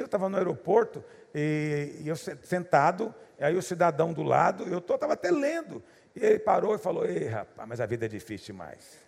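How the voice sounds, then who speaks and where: A man's voice: high-pitched, creaky, a little mellow, slightly rough. A man preaching as a pastor, telling funny stories in a chatty way and chuckling often. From Goiás, Brazil. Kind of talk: humorous preaching with anecdotes. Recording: long hall reverb.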